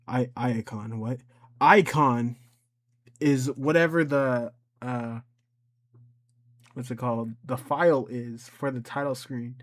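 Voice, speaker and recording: Speaking at a mid-range pitch, this man hosts an offhand software tutorial with no script. He reasons aloud, hesitating, going back over phrases and correcting himself.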